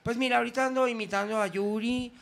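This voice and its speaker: A man's voice: extremely high pitch, steady tone, fast, vocal fry, a bit bright, a little hiss or hum, voice pushed up, exaggerated voice. A man voicing a flirty, camp male impersonator with a Mexican accent, coy and sweet-talking. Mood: coaxing.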